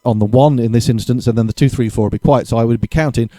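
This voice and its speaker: A man giving a casual drum lesson, chatty and relaxed, correcting himself and counting beats aloud, with drums played between his explanations. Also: mid-range voice, fast talker, no echo. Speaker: drum teacher. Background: drumming between explanations.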